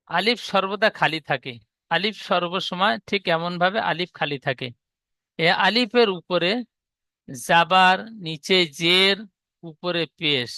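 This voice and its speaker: Male teacher, high and bright, clean dry sound, patient and repetitive in his explanations. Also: clean tone, dry recording. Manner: patient, repeats each rule slowly. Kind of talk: teaching Arabic letter reading.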